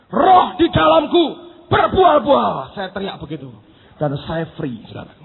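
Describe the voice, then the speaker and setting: A man preaching a sermon as pastor, impassioned and often breaking into shouts. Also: high-pitched. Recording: tinny phone-like sound, long hall reverb.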